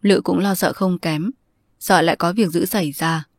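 Low-voiced woman narrating a story. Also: no room sound. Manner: steady, measured storytelling. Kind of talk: audiobook narration.

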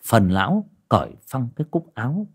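A man narrating a horror story in an expressive, dramatic way. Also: medium pitch, normal speed, slightly rough.

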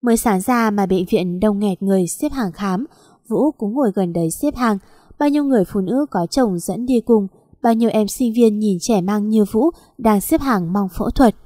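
A woman's voice: medium pitch, normal speed, warm tone, dry recording, studio quality. A woman narrating a sad story in a plaintive, emotional reading.

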